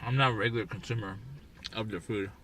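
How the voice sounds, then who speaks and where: A man's voice: fairly low pitch, fairly even intonation, quick pace, fairly bright tone. A man hosting a casual live stream, chatting offhand with viewers and talking with his mouth full. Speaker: livestream host. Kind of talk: casual live-stream chat while eating. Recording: distant mic with faint background noise.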